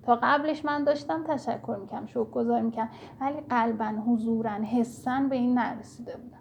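A woman's voice: on the high side, fairly even intonation, creaky, slight background noise. A woman giving an earnest spiritual teaching talk, speaking directly to her listeners in an instructive way.

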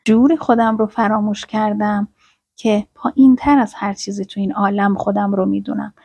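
A woman delivers a spiritual talk in a soft, measured voice with a breathy, husky edge. The recording is close and dry, with no room sound behind her. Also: medium pitch, fairly even intonation, dry recording. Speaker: spiritual teacher. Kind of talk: spiritual talk with verses and poetry.

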